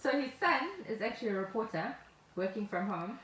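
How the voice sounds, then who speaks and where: A South African woman co-hosting a podcast chats casually from home, telling jokey stories in a medium-pitched, expressive, slightly bright voice that runs a little fast. The remote-call audio has a roomy echo and faint noise.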